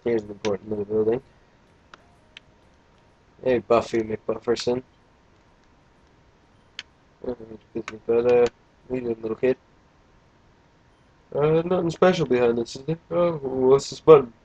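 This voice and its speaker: A man's voice: medium pitch, steady tone, measured pace, pauses often, warm tone, breathy edge, lo-fi sound. A young man casually commentating a video game, tired and yawning, with a crude, joking, rambling manner. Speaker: let's play gamer.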